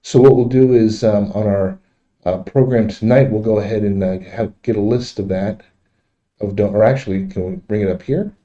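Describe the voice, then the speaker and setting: A man hosting a casual, unscripted livestream, speaking in a halting, repetitive way, recorded in dull, muffled audio. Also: lowish voice, mellow. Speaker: livestream host.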